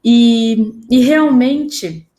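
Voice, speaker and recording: A woman's voice: on the high side, drawn-out words, mellow. A woman hosting a live panel, speaking semi-spontaneously. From São José do Rio Preto, Brazil. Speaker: live-stream host.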